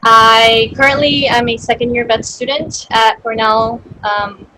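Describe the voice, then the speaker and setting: A woman's voice: a little high, steady tone, measured pace, sharp tone, a little hiss or hum, low-quality recording. A young woman in her twenties from Colombia, raised in Miami, a veterinary student chatting about her path on a video-call panel. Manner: chatty, fillers. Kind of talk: personal story on a panel.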